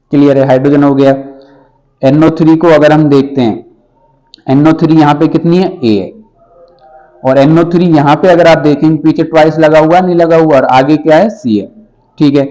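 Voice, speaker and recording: A male teacher walking students through balancing chemical equations, calling them "brother" and checking often if it is clear. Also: mid-range voice, mellow. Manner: repeats checks like "ठीक है" and "clear है"; addresses students as "भाई". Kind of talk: chalkboard science lesson. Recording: dull lo-fi sound.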